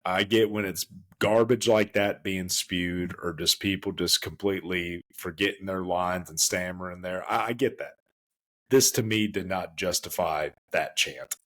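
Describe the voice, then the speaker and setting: This podcast co-host talks in an unhurried, fairly bright voice during a casual conversation. As he rants, he stresses his points hard, stumbles through restarts and stammers, and jumps up in pitch once he's worked up.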